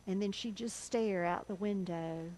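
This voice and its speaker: A woman pastor with a Southern US accent, telling a story in a sermon with an earnest, measured delivery. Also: mid-range voice, mellow, a little hiss or hum, low-quality recording.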